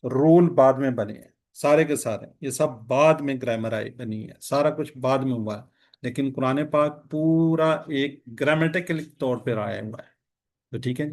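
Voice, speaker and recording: Male teacher on a video call, steady mid-pitched voice, keeps quizzing the class patiently. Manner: patient, quizzing students with repeated questions. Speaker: Quran and Arabic grammar teacher. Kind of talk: online class lesson.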